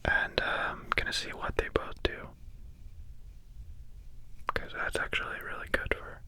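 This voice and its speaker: Whispered ASMR, soap-carving commentary, very slow delivery, unhurried murmur, soft repetition of words.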